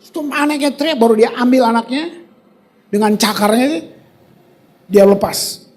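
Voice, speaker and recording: A man preaches from a church stage in a lively, animated voice. He moves between relaxed, casual slang and scripture reading, with dramatic pauses and sudden loud outbursts. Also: extremely high pitch. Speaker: pastor. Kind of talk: sermon.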